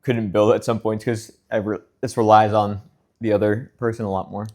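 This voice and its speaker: A man's voice: on the low side, little pitch movement, normal speed, darkish tone. A man building a set with a friend, chatting casually and teasing him in joking banter. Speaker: co-builder on a stream. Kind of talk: casual chat.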